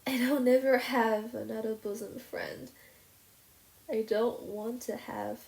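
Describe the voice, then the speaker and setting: A woman's voice: on the high side, level tone, slow pace, vocal fry, a little mellow, voice pushed up. A woman voicing a sad but practical young girl who talks in a plain, mournful way. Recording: roomy echo.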